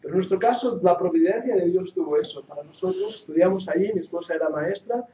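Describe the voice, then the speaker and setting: Speaking fast in a high, dark-toned voice, a man from Catalonia in his forties teaches a Bible class that mixes earnest jokes with a rise into emphatic preaching. His accent mixes Catalan Spanish and English. A handheld or lapel mic captures him in a muffled, echoey hall with a little hiss or hum.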